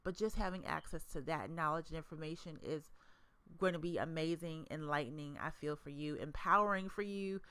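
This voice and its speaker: A woman hosting a mastermind program, who pitches it with enthusiasm, stacks up emphatic adjectives and speaks straight to the listener. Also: brisk, a bit bright, smooth, dry recording. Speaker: educator and mastermind host. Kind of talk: promotional presentation.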